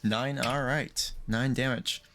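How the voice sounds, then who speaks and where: A man acting as game master for a tabletop game, relaxed and casual, laughing and swearing freely. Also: medium pitch, takes it slowly, soft background music. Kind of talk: running a tabletop game over a call.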